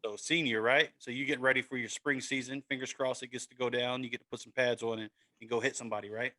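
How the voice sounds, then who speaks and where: A man's voice: medium pitch, fairly even intonation, fast talker, bright, forceful tone. A man hosting a casual sports podcast, upbeat and encouraging, often tagging "man" and "right?" onto his sentences. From Maryland, USA. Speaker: podcast host.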